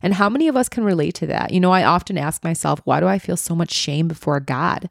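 A woman co-hosting a casual faith podcast, retelling a parable with lively, playful character voices. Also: fairly low pitch, fast, gravelly, dry recording, clean studio sound. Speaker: podcast co-host.

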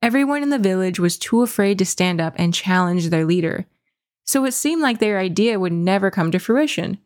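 A woman reading a dream story aloud in a measured, reflective way, then musing on what it means. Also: mid-range voice, animated, a little mellow, no echo, studio quality.

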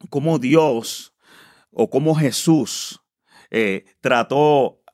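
A man speaking slowly and haltingly in a devotional podcast talk, pausing and restarting as he reads from the Bible. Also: mid-range voice, darkish tone. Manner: slow and halting, with many pauses and restarts.

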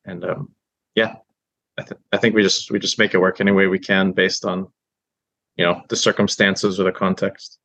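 A man's voice: sits low, little pitch movement, creaky, a bit bright, dry recording. A man, a filmmaker guest, speaking hesitantly in a casual interview. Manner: hesitant, halting. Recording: dull lo-fi dry audio.

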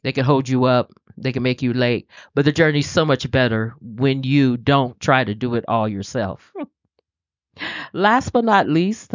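An animated host delivers an inspirational faith talk, often breaking into laughter and playing the people in the stories. The voice sits at a middle pitch. The recording is dry and a little dull. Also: no room sound. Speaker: podcast host. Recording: slightly dull, dry sound.

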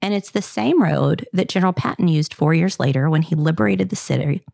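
Southern-accented woman podcast host, chatty and upbeat, low gravelly voice. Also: a little fast, warm tone, no room sound, studio quality. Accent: Southern US, Kentucky. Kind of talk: casual scripted narration.

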